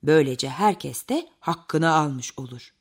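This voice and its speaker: A woman voicing a big, kindly male bear who settles an argument as judge, speaking slowly and deeply. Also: animated, breathy edge, exaggerated voice. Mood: calm judging.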